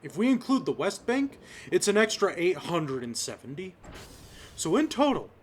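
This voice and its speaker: A man's voice: high-pitched, big pitch swings, a little hiss or hum. A young man from Las Vegas giving an impassioned personal commentary, choked up at times and rising to angry outbursts. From Las Vegas, Nevada. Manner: slow, impassioned, rising to shouts of anger. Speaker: vlogger.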